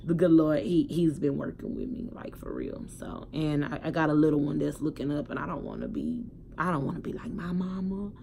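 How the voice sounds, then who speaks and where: A young woman speaks frankly into her phone. She talks in a candid, emphatic way and swears freely, swinging between loud outbursts and quiet thoughts. A faint hiss sits under her voice. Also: sits low, huge pitch swings, fairly quick, gravelly. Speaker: vlogger. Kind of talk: casual personal storytelling to a phone camera.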